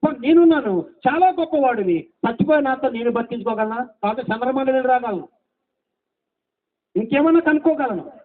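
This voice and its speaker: A man preaching a gospel sermon, with many rhetorical questions and shouts of hallelujah, now loud and now soft. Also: extremely high pitch, animated, fairly quick. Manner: emphatic, swings between loud and soft delivery. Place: gospel meeting. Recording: tinny phone-like sound.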